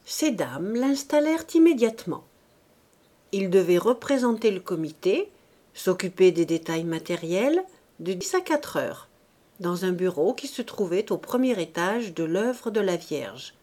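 Slow, expressive woman narrator. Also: mid-range voice. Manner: slow, expressive reading with varied intonation. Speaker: audiobook reader. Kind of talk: scripted narration of a classic novel.

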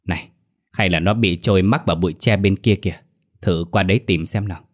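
A man's voice: low-pitched, a little fast. A man voicing a persistent villager who coaxes the searchers to try another spot. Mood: coaxing. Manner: coaxing, persistent.

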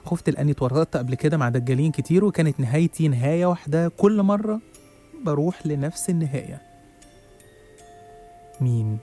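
A man's voice: fairly high pitch, brisk, long pauses, mellow. A young man with an Egyptian accent narrating a first-person horror story in a dramatic way, with hesitant restarts. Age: young adult. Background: faint music.

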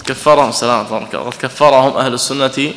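A man gives a religious lesson, taking the text apart point by point and checking in with his listeners now and then. His voice is bright and forceful, and it rings with the long echo of a hall. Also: medium pitch, fast. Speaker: sheikh teaching a text. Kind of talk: lecture commenting on a read text. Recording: echoey hall.

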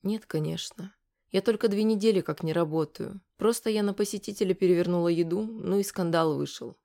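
A woman reading an audiobook and voicing a timid young woman who speaks softly and sniffles. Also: fairly low pitch, brisk, vocal fry. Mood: sulky. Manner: soft, sniffling, complaining.

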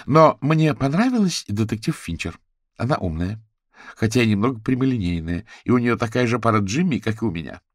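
A man's voice: on the low side, big pitch swings, a little fast, no room sound, clean studio sound, pitched above the performer's own voice. A man voicing a flamboyant, chatty rich socialite woman in an audiobook, in a gushing, theatrical way. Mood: gossipy.

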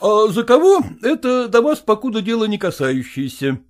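A male audiobook reader voices an old-time merchant who is smug and fawning, placating yet unbending. The character speaks in a fairly high, lively voice, drawn out and obsequiously polite, tacking on a polite "-s".

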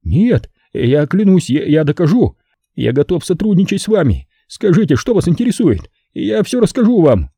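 A cowering male bar owner babbles and begs in a voice pushed high and thin, put on by a male narrator. The sound is husky and dark at its core, jumping wildly up and down as he grovels. It stays dry and close, like a storybook reading. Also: very animated, moderate pace, no room sound, heavily acted. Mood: panicked pleading. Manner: panicky, high-pitched, begging. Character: terrified pleading male pimp and bar owner.

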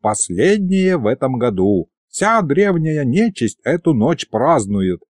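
A homely old grandfather who fusses over his grandson, as a male narrator puts him on. His voice moves around a lot. The tone is soft and mellow, recorded dry. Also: medium pitch, sing-song, slow pace, dry recording. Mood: fussing. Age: older.

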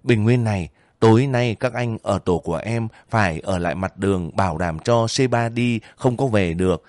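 A man voicing a calm, steady young woman soldier who speaks in a level, reassuring way, in an audiobook reading. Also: fairly low pitch, moderate pace, no room sound, lightly acted. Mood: matter-of-fact. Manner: level, reassuring, matter-of-fact.

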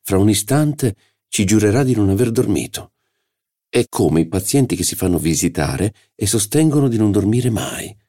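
A man's voice: on the low side, expressive, normal speed, warm tone, voice pushed up. A man voicing a pedantic, dogmatic doctor who lectures and teases his sleepy wife in an audiobook. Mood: teasing. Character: pedantic dogmatic male doctor, teasing husband. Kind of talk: audiobook character voice.

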